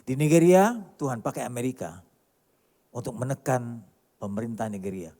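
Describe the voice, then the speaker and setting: A male pastor preaching a sermon emphatically, with many rhetorical questions and sharp swings between loud and quiet delivery. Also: medium pitch, expressive, normal speed. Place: large church hall. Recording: church hall reverb.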